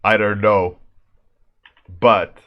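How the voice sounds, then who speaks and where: Streaming his warmup drawing session, this artist from Sweden talks with a Swedish accent in a loose, rambling way, restarting sentences and laughing a lot while replying to chat. He has a lowish voice with little pitch movement and drawn-out words, and the highs are cut off.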